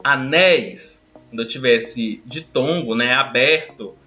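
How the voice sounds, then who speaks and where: A man teaching a recorded grammar lesson, explaining step by step and drawing out example words slowly. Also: a little high, expressive, sharp tone, dull audio.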